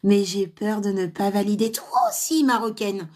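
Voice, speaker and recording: A woman's voice: fairly even intonation, moderate pace. A woman trainer, speaking live to viewers in an encouraging pep-talk, with frequent fillers and restarts. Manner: laughs often, loud high laughs.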